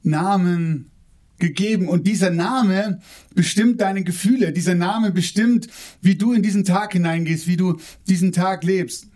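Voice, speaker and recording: Man preaching a casual, halting sermon. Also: a little mellow. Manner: informal, colloquial preaching with frequent restarts and repeated words; slows down and lowers his voice for emphasis.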